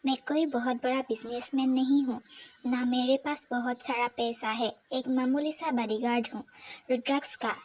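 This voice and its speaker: A woman's voice: high-pitched, fairly even intonation, moderate pace, darkish tone, low-quality recording. A woman voicing an angry male bodyguard, harsh and scolding, in a Hindi audio novel. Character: angry man, a bodyguard nine years older.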